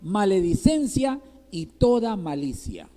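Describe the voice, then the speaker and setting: A male pastor from Ecuador preaches a sermon in Ecuadorian Spanish, his high-pitched, mellow voice very animated yet slow-paced. He poses rhetorical questions to the congregation and checks with them again and again, all in a reverberant church hall.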